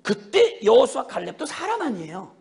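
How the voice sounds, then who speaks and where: A man preaching a sermon as a missionary, telling stories in an animated way and acting out scenes with sudden shouts. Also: very high-pitched, normal speed, vocal fry.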